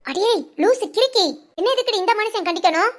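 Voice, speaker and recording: Quarrelsome sharp-tongued cartoon granny, voiced by a woman. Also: very high-pitched, a little fast. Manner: insulting, bickering. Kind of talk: cartoon family drama voice acting.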